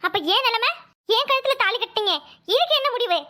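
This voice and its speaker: A woman's voice: very high-pitched, lively intonation, quick pace, pushed and bright, exaggerated voice. A woman voicing a young wife who pleads with her husband and stubbornly defies her in-laws. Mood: pleading. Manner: pleading, insistent.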